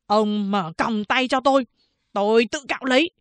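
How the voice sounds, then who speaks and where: A woman's voice: on the high side, moderate pace, clean tone, no echo, close to an everyday voice. A woman doing a fiery condemned prisoner. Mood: defiant, indignant. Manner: loud, commanding, indignant. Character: defiant condemned male prisoner, proud and fiery.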